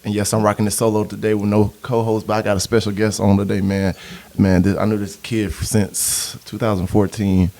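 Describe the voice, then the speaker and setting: A man hosting a casual podcast interview, talking in a relaxed, slangy way and laughing easily. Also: fairly low pitch, a little fast, creaky, few pauses. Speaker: podcast host.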